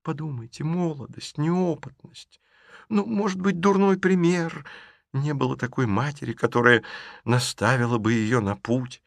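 A man's voice: mid-range voice, fairly even intonation, moderate pace, fairly bright tone, no echo, close to an everyday voice. A man voicing a fussy, tearful middle-aged gentry lady who pleads theatrically in an audiobook. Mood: pleading. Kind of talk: audiobook character reading.

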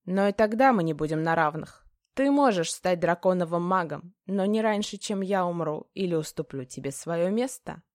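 A woman's voice: on the low side, lively intonation, moderate pace, hardly any pauses, darkish tone, no room sound, studio quality, lightly acted. A woman voicing a stern, cold male mage who speaks to his student in curt, clipped lines. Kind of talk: audiobook character voice.

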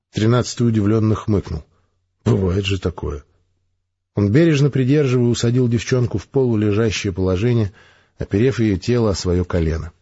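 A man reading an audiobook in measured, even storytelling narration. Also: lowish voice, lo-fi sound.

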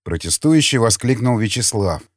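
A man narrating an audiobook in an expressive reading style. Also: mid-range voice, moderate pace, no room sound, studio quality. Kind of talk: scripted narration.

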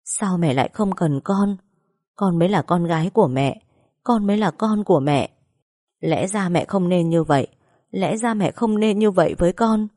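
A grief-stricken mother, middle-aged and full of remorse, voiced by a woman reading the story. Her tearful, choked voice sits low and warm, heard close and dry. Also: normal speed, no echo, close to an everyday voice. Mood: remorseful. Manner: pleading, broken apologies.

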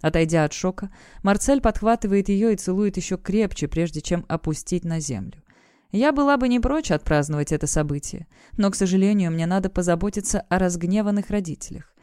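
Audiobook narrator, female, low-pitched, smooth warm voice, dry close recording. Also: fairly quick, no room sound. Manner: acts out the shouting parents and lovers in her own voice. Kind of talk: first-person audiobook narration.

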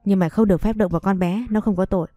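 A woman's voice: medium pitch, fairly even intonation, very fast, dry recording, dull audio, faint music behind, natural voice. Woman reading as a furious old father. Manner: shouting, scolding harshly.

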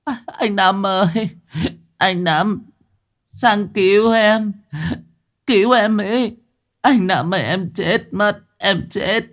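A man's voice: high voice, slow pace, long pauses, a bit bright, pitched above the performer's own voice, full character voice. A man voicing a flustered, whiny effeminate young man who squeals in panic. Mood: pleading.

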